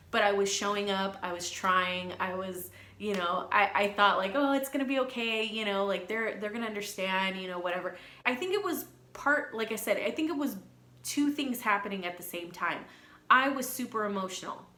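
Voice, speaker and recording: Bright-voiced woman confessing frankly. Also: on the low side, echoey room. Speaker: beauty vlogger and hairstylist. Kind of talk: candid personal vlog.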